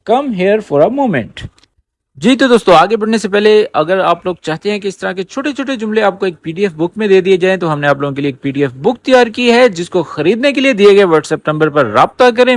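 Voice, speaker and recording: A man teaching spoken Arabic, repeating each phrase slowly and explaining it word by word. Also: high voice, no echo. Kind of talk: language lesson.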